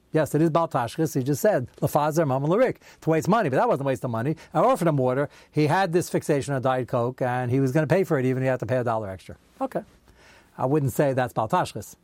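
A man teaching a Talmud class, his voice sitting a little high for a man. He talks in an easy storytelling way, dropping Hebrew and Yiddish terms into his English. The sound is dry and close, with no room around it. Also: darkish tone, dry recording. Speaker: Torah teacher.

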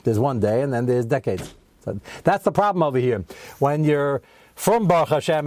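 A man's voice: on the high side, darkish tone, dry recording. A man teaching a Torah study class, talking conversationally and acting out people's excuses in a raised voice.

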